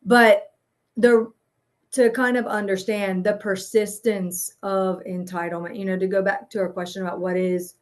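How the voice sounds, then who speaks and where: A woman's voice: medium pitch, flat delivery, moderate pace. Woman therapist explaining with searching fillers. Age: adult parent. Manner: loose and searching, many "um" and "right?". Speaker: guest therapist. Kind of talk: casual explanatory chat.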